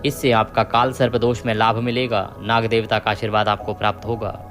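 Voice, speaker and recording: A man's voice: on the low side, little pitch movement. Reverent male devotional storyteller over music. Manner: measured, reverent, addresses devotees. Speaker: host of a devotional channel.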